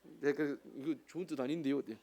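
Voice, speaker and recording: A man's voice: on the high side, fairly even intonation, a little fast, dark tone, a little hiss or hum. A man in his forties with a Jeolla Korean accent, a missionary preaching a sermon with chatty, joking asides to the congregation. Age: 40s.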